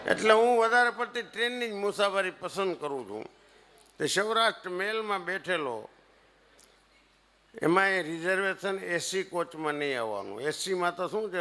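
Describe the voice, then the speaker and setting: A man with a Kathiawadi Gujarati accent doing live comic storytelling on stage for a seated audience, swinging between loud punchlines and hushed asides. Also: on the high side, lively intonation, normal speed. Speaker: stage comedian.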